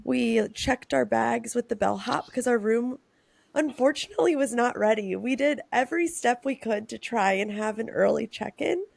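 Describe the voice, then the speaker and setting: A woman co-hosting a podcast in casual chat, hoarse and losing her voice, chatty and teasing. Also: on the high side, moderate pace, darkish tone, dry recording. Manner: chatty, teasing, laughs often. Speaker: podcast co-host.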